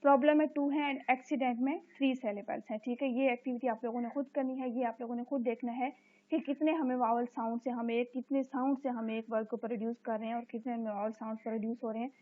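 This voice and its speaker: Reading every English sentence slowly, a woman teacher from Pakistan explains an exercise in a recorded lecture, frequently saying "okay." She has a fairly high voice with fairly even intonation, and the sound is tinny and thin, much like a phone line.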